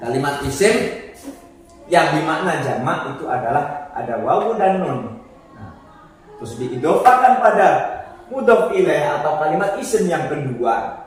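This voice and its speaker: A man teaches grammar at an unhurried pace, going back over each term and restarting words as he explains. His voice sits a little high for a man and comes from some distance away. The room around him rings with heavy echo. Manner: slow and explanatory, repeats terms and restarts words. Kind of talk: casual grammar lesson. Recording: echoey room, voice far from the mic.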